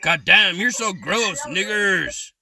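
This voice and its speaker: A man's voice: sits high, animated, takes it slowly, vocal fry, a crowd in the background. A young man taunting others in an online voice chat, mocking and provocative. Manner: taunting, mocking, repeats "bro" constantly.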